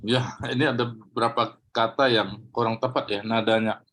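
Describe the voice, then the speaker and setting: A man's voice: on the low side, steady tone, moderate pace, a bit bright. A man teaching a class on a video call, patiently correcting readers and demonstrating tones aloud. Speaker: Chinese reading teacher. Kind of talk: online class feedback.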